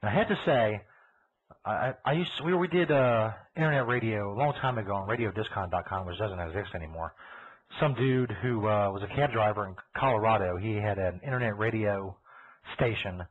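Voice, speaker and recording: This one is lower-pitched and brisk: a Kentucky man rambling on his live web radio show, cursing, laughing, and talking over himself. His computer mic feeds a call line, giving a thin, phone-like broadcast sound.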